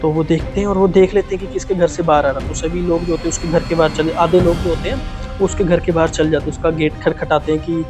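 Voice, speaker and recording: A young man recounts an eerie story in casual vlog style. His voice sits slightly higher than usual for a man. He keeps it chatty and repeats phrases to build suspense. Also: fairly even intonation, fast talker, over music. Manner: conversational, dramatic retelling with many repetitions. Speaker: vlogger.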